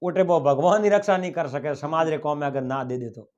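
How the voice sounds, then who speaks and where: A man with a Marwari accent telling an animated folk tale, lifting his voice for the characters. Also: a little high, fairly quick, muffled recording. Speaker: folk storyteller. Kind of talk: oral folk tale narration.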